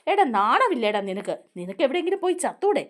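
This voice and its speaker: A woman voicing a harsh, scornful older male schoolteacher who scolds and insults in a raised, lively voice. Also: high-pitched, quick pace, voice pushed up. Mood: angry, scornful.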